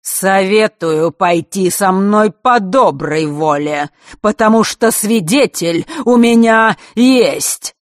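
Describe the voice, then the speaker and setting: A woman voicing a stern, sly old male keymaster who speaks slowly and grumbles. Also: medium pitch, no room sound, studio quality, lightly acted. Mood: menacing.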